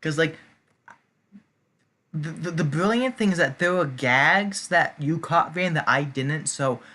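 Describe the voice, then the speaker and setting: A man's voice: fairly high pitch, measured pace. A man hosting a podcast, eagerly recounting funny moments in casual chat. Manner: eager, animated recounting of jokes.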